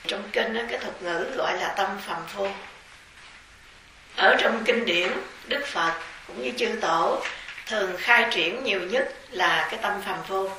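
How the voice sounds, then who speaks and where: Buddhist nun lecturing in an echoey hall. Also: female voice, mid-range voice, sharp tone. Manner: measured, explanatory, spelling out terms. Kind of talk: dharma lecture. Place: large temple hall. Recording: echoey hall, distant mic, faint hiss.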